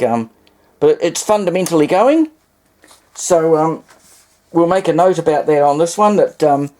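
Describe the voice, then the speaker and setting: A vintage radio hobbyist and presenter with a New Zealand accent chats casually while demonstrating equipment, rambling and thinking out loud in a medium-pitched, warm voice. It's hands-on demonstration commentary, and the amateur home recording is clearly noisy.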